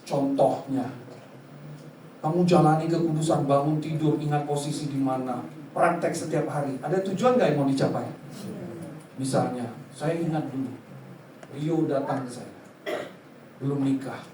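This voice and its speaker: A male pastor preaching in a lively, humorous way, acting out little anecdotes. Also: on the high side. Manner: humorous, mimics voices in quick asides. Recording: echoey hall, distant mic, noisy.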